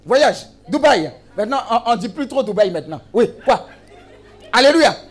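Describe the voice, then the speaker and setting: A man's voice: extremely high pitch, sing-song, normal speed. A man preaching a sermon, exclamatory and teasing, with call-and-response to the congregation. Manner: humorous asides and teasing.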